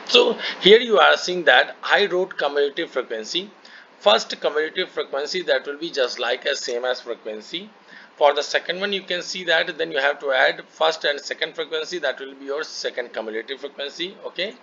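A man's voice: fairly high pitch, animated, brisk, gravelly, bright, forceful tone. A man with an Indian accent and Hindi as his first language, tutoring maths one-to-one step by step, repeating himself and often checking understanding. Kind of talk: one-to-one lesson, explaining step by step. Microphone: online call microphone. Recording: muffled, noisy online call recording.

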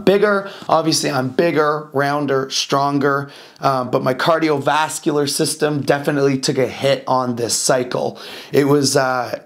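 A young man talking casually to camera as a fitness vlogger, blunt and swearing often, with lots of fillers. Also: a little high.

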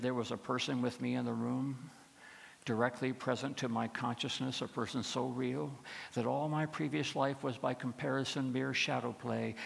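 A middle-aged man preaching an Easter sermon from the pulpit of a large church, using rhythmic repetition and dropping low for the dark passages. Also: gravelly. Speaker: pastor. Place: large church sanctuary with choir behind. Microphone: pulpit microphone. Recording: long reverb of a large church.

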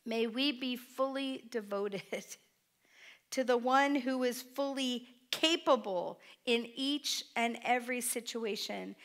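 Middle-aged woman pastor, heartfelt sermon, unhurried delivery, slightly high voice, church hall, distant mic. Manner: heartfelt, tearful at times, with soft laughs. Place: church hall with a small stage.

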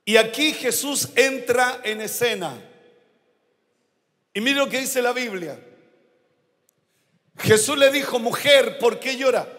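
A Chilean man preaching a sermon as a pastor, slow and emphatic, rising to shouts at his climaxes. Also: extremely high pitch. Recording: long hall reverb.

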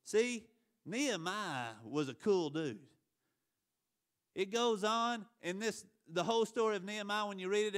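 A man preaching to a church in an earnest, homespun way. His voice sits a little high for a man, and he trips over repeated words when he gets fired up. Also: fairly bright tone. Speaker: lay preacher. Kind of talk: sermon. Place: church sanctuary.

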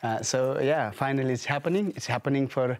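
A man's voice: mid-range voice, a little fast, a little mellow. Man, Nepali accent, news interview guest, hesitant, restarts often, lapel mic in a studio. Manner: hesitant, many fillers and restarts.

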